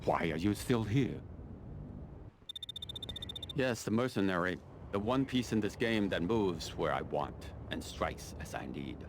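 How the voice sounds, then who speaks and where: A male video game colonel, a cold, calculating, middle-aged Chinese army officer, gives mission briefings in a low, expressive voice with noisy ambience behind. His delivery is brisk, commanding and formal, measured and imperious, with a dryly condescending edge.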